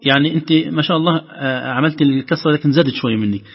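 A man teaching Quran recitation, correcting callers and chanting the passages slowly to show them. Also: on the high side, husky. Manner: patient, demonstrates by chanting slowly. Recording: dull lo-fi broadcast with long reverb.

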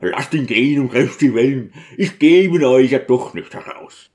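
Mann spielt einen polternden Diakon. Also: male voice, mid-range voice, lively intonation, moderate pace, lightly acted. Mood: pleading. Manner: loud, pleading and defiant. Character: burly hot-tempered male deacon, loud and stubborn.

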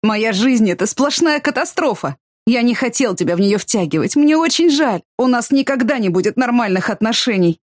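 A woman reading the lines of a blunt, bitter young man of twenty in an audiobook, in a flat, matter-of-fact way. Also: a little high, fairly quick, dry recording, clean studio sound, pitched above the performer's own voice, natural voice. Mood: despairing.

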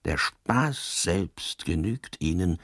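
A man reading the lines of a calm, sharp-minded old priest detective in a grave, slow voice that drops to a hushed whisper. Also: sits low, dry recording, clean studio sound, exaggerated voice. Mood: musing. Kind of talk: scripted narration.

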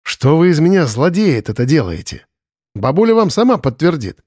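A man voicing a greedy, arrogant young man who talks down to people and flares up fast, in an audiobook. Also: very animated, a little mellow, no room sound, studio quality. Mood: indignant. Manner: condescending, then shrill and indignant. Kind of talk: audiobook character voice.

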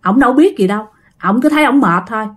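Woman, Southern Vietnamese accent, casual ghost-story telling, chatty, addresses listeners, somewhat high pitch. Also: lively intonation, quick pace.

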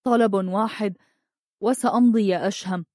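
A woman voicing a proud, blind young man who speaks steadily and with quiet menace. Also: mid-range voice, normal speed, no room sound, studio quality, lightly acted. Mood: firm, defiant.

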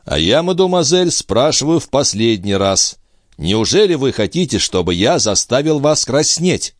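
A man voicing a calm, firm middle-aged doctor in an audiobook, speaking in a measured, insistent way. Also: mid-range voice, dry recording, clean studio sound, voice pushed up, close to an everyday voice.

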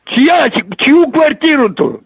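A man's voice: very high voice, huge pitch swings, slow pace, no room sound. Irritated man answering the phone. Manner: impatient, irritated, keeps asking who is calling. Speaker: call recipient.

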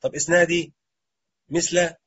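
Husky Egyptian teacher quizzing his class. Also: fairly high pitch, level tone, moderate pace, a bit bright, dull audio. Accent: Egyptian Arabic. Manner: quizzes students, repeats answers. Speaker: grammar teacher. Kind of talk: classroom lecture with questions.

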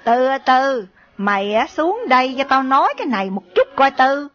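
A woman's voice: high voice, sing-song, normal speed, a bit bright. A woman voicing a weary, scolding older country mother with a Southern Vietnamese accent, in radio drama style. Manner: nagging, complaining. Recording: dull lo-fi recording, faint music.

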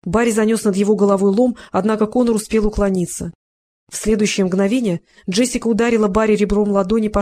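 A narrator reading an action story aloud in an even, measured way. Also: medium pitch. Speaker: audiobook narrator. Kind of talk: scripted audiobook narration.

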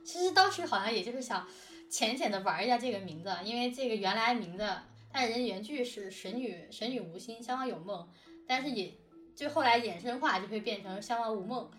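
Part of an audio drama production team, this co-host chats casually behind the scenes, giggly, talkative, and animated. Her voice is a little high, expressive, and brisk with a fairly bright tone, picked up far from the mic in a roomy space with faint music behind.

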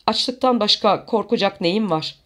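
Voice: mid-range voice, normal speed, voice pushed up, lightly acted. Narrator doing a desperate young fisherman, defiant and bitter, storybook reading. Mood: grim. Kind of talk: audiobook character voice.

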